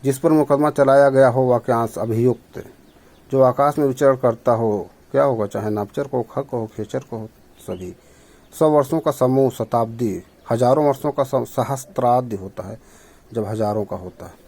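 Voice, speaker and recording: A man's voice: medium pitch, normal speed, darkish tone. Man teaching grammar for exams. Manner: explains step by step, checks answers aloud. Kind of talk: exam prep lesson.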